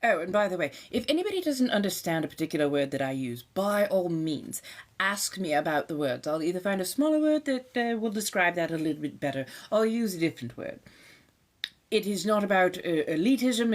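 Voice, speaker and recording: Adopting an affected 1700s colonial transatlantic accent, this woman chats with live stream viewers as a dramatic vampire character, her speech flowery and full of "darling." Her voice is low.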